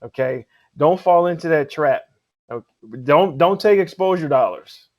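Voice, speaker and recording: A man's voice: a little high, normal speed. A man who hosts and judges cosplay contests, chatting casually in an interview and repeating his points for emphasis. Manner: relaxed and chatty, acts out quoted exchanges; earnest advice-giving, repeats for emphasis.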